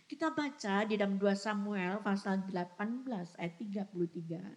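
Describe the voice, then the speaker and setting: A woman's voice: mid-range voice, normal speed. A woman pastor delivering a sermon in church, with emphatic preaching, rhetorical questions and frequent direct address to the congregation. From Indonesia.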